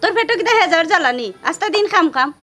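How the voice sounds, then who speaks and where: A woman's voice: very high voice, lively intonation, racing, reverberant, far from the mic. A woman with a Sylheti accent playing a nagging, short-tempered rural mother in a comedic village drama. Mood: scolding. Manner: nagging, sharp scolding.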